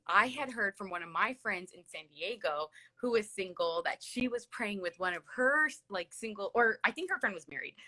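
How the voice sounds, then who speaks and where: A late-thirties woman from California, with an American accent, tells personal stories as a guest on a livestream. Her medium-pitched voice is pushed and bright, and she's chatty and casual, sprinkling in "like" and "literally" constantly.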